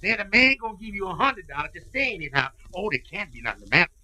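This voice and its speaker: A man's voice: high voice, big pitch swings, quick pace, pushed and bright, heavily acted. An actor playing a lazy, work-shy young man who trades drawling comic dialect banter, heard as early talkie film sound. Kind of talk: 1930s stage comedy dialogue.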